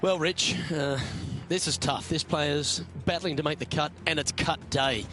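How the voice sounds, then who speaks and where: A man's voice: on the high side, steady tone, unhurried, background noise, lightly acted. A man playing a golf commentator, calling the play shot by shot in a tournament. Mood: measured commentary. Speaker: golf commentator, lead announcer.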